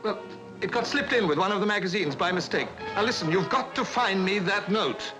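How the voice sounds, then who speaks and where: A man acting an anxious middle-aged father in a 1950s film drama, pleading in a halting, insistent way. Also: high-pitched, animated, poor audio. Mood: anxious urgency. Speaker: actor. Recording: old film soundtrack, music underneath.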